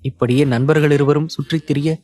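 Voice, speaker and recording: A man reading an audio novel as narrator in a steady, measured storytelling manner. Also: fairly high pitch.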